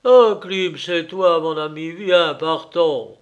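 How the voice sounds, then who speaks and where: A cowardly traveler bluffs, then frets aloud, voiced by a man reading a story. The voice sits a bit high and pushes hard. The words come out slowly. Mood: anxious. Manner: anxious, fretful muttering. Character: cowardly land surveyor, blustering then pleading.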